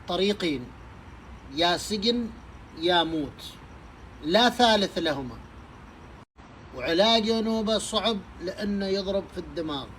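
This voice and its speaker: A man's voice: high voice, a bit bright, a little hiss or hum, rough recording. A man giving emphatic advice to parents, preaching with many rhetorical questions. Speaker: social media speaker giving advice to parents. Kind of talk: impassioned advice monologue.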